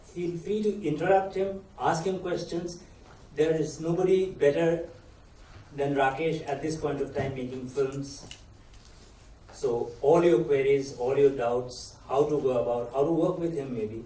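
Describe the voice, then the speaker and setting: Brisk moderator in an echoey hall. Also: male voice, on the high side, fairly even intonation, warm tone. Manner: brisk, courteous introduction. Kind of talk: introducing a guest at a masterclass. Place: large festival hall. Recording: echoey hall, mic at a distance.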